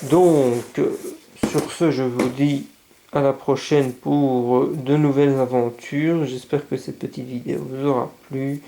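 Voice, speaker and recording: A man's voice: mid-range voice, slow pace, slight background noise. A man casually showing a scale model kit to his viewers, hesitant with many fillers, stumbling over English words. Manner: relaxed, hesitant with frequent "euh" fillers; mispronounces English paint names. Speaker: scale model hobbyist vlogger. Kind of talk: casual unboxing commentary.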